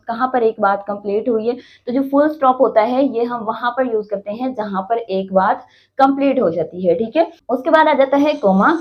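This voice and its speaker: Higher-pitched Pakistani woman teaching slowly. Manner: explains slowly, with many "theek hai" checks; reads example sentences slowly and deliberately. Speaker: English teacher. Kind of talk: classroom lecture. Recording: muffled lo-fi recording.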